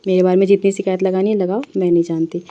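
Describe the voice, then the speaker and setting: A woman's voice: fairly low pitch, level tone, racing, highs cut off, close to an everyday voice. A woman voicing a young wife who sulks and snaps with hurt pride. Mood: sulky. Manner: sulky, indignant.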